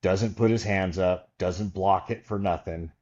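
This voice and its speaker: A man's voice: sits low, a little slow, muffled recording. A man guest on a podcast, telling a long story casually and acting out the voices of the people in it. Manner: animated storyteller, acts out quoted voices.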